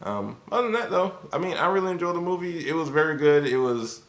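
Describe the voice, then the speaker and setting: This video reviewer talks fast, his fairly high voice full of lively intonation, chatting casually and a bit loosely with viewers. The room is echoey and spacious-sounding.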